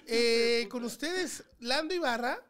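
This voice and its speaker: A man's voice: extremely high pitch, slow pace, a bit bright, clear, resonant tone. A man with a Mexican accent co-hosting a comedy podcast, joking and teasing his co-host and laughing often. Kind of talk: casual chat.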